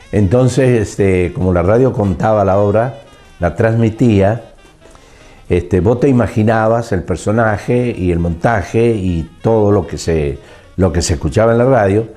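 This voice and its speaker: An older man with an Argentine accent looks back on his past in an interview, speaking haltingly as he searches for words. His voice is fairly low and mellow.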